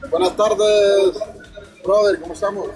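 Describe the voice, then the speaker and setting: A Honduran man calling in over a phone video call from a boat at work, relaxed and friendly. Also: sits high, measured pace, faint music behind, poor audio. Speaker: caller.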